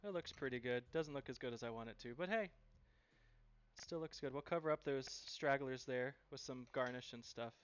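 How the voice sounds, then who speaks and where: A man's voice: mid-range voice, moderate pace, clear, resonant tone, lo-fi sound. A man running a live cooking stream, chatting and cheerfully thanking viewers as he cooks.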